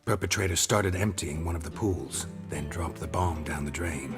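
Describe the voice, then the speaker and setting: Geralt, a gruff middle-aged monster hunter in a video game, talking in short, dry, clipped lines. His voice sits extremely deep and low. Game music plays clearly behind him. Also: steady tone, normal speed.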